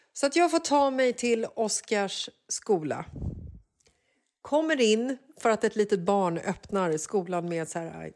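Woman in her 40s on a podcast, chatty and animated, acts out the quotes all high and flustered. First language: Swedish. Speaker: podcast co-host. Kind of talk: casual chat.

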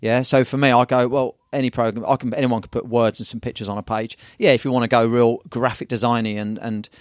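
Casting: English man, rapid rambling storyteller, slangy, dry close mic. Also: medium pitch, flat delivery, dry recording. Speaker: guest, surf magazine owner. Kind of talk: casual podcast chat.

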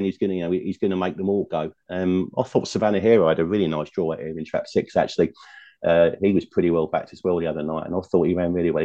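A man's voice: sits low, dark tone, lo-fi sound. A man talking through his betting picks as a racing pundit in a chatty, rambling way, full of asides. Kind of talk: casual betting chat.

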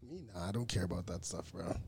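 A man's voice: low-pitched, lively intonation, fast talker, vocal fry, a little mellow, slightly rough. A man co-hosting a casual podcast, talking in argumentative, slangy banter with friends. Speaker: podcast co-host.

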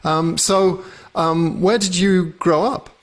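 Relaxed male podcast host. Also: high voice, takes it slowly. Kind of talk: casual interview talk.

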